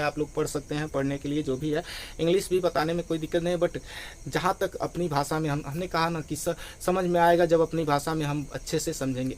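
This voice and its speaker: Male grammar teacher with a high voice who works through examples patiently, crickets faint in the background. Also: a little hiss or hum. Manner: explains step by step, repeating phrases and adding "ठीक है". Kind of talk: online grammar lesson.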